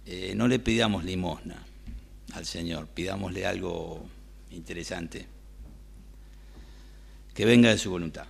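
Man, Rioplatense accent, gravelly conversational sermon delivery in a church. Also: deep voice, measured pace, long pauses. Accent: Rioplatense Spanish. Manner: conversational, asks the congregation questions. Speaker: preacher.

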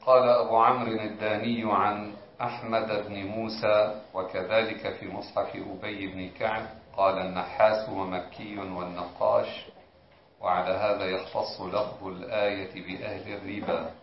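Low flat-voiced man reading a classical text. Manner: measured formal recitation. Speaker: student reading the text aloud. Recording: echoey room, dull lo-fi recording, faint noise.

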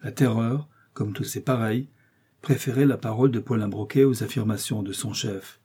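A man reading a novel aloud in steady, measured audiobook narration. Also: lowish voice, slightly rough. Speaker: audiobook reader.

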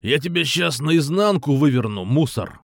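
A man's voice: fairly high pitch, expressive, moderate pace, vocal fry, dry recording, studio quality. A man voicing a menacing crew-cut male thug who sneers and threatens.

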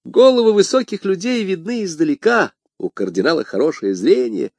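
A man narrating an audiobook in an expressive, scripted storytelling manner. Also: a little high, moderate pace, no echo.

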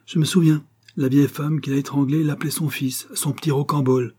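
A man's voice: on the high side, flat delivery, fairly quick, darkish tone, slightly rough, pitched above the performer's own voice. A man voicing a terrified Portuguese valet who blurts frightened confessions. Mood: eager.

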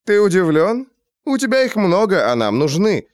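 Mocking greedy crime boss, voiced by a man, bullying, lively swinging pitch. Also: normal speed, no room sound, studio quality. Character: sly cruel gang boss, mocking, greedy.

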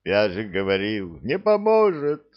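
A man's voice: on the low side, huge pitch swings, measured pace, lo-fi sound. A man voicing a whiny, tearful young knight who whimpers as he speaks. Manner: whimpering, sobbing speech.

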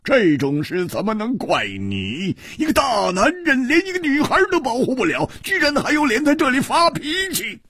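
A man voicing a rough, hot-blooded young swordsman who speaks in emphatic outbursts. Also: low voice, sing-song, measured pace, no echo, exaggerated voice. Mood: self-reproach.

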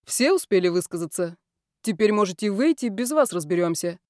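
A woman voicing a calm, tender young man who talks gently and reassuringly. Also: mid-range voice, a little fast, dry recording, studio quality, lightly acted.

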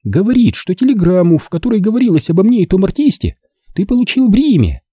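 A man voicing a sharp-tongued young woman in an audiobook, high and strained in manner. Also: big pitch swings, fast, slightly rough, dry recording, heavily acted. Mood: tense. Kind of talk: audiobook character voice.

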